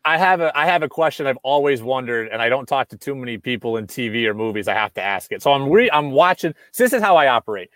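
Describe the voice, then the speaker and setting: A man's voice: medium pitch, lively intonation, quick pace, few pauses, a bit bright, dry recording, studio quality. A man hosting a casual radio interview who asks curious, playful questions. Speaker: radio host.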